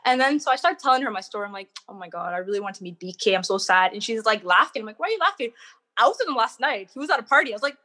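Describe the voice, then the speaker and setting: A young woman chatting as an interview guest, telling animated stories and acting out what people said. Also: medium pitch, rapid-fire, few pauses. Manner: animated storyteller, acts out quotes. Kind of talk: casual interview chat.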